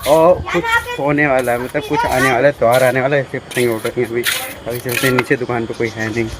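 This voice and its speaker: A man's voice: mid-range voice, flat delivery, quick pace. A man doing a casual, chatty vlog from a rooftop, talking to his viewers as he shows them around. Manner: chatty, talks to viewers as "guys" while showing around. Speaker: vlogger. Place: outdoors on a rooftop. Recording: outdoor noise with passing traffic.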